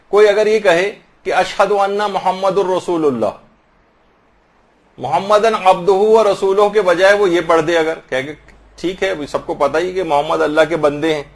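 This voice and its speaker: A man giving a religious lesson on prayer pronunciation, explaining patiently and slowly demonstrating each recited phrase. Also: on the high side. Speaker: religious teacher.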